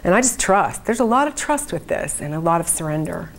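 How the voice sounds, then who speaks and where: A woman's voice: lowish voice, big pitch swings, a little fast, gravelly, slight background noise, rough recording. A woman speaking informally to a group as a spiritual channeler, with an earnest, conversational manner. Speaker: trance channeler leading a group event. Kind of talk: informal spoken talk to an audience.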